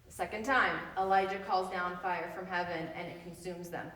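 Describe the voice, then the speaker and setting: A woman leading a Bible study in a casual, chatty way, full of loose asides and quick laughs. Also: fairly low pitch, fairly even intonation, a bit bright, reverberant, long reverb tail, far from the mic, poor audio.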